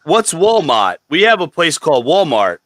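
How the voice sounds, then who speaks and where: A man's voice: a little high, big pitch swings, normal speed, a bit bright. A man hosting a livestream in casual, conversational talk. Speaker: livestream host, reptile expo vendor.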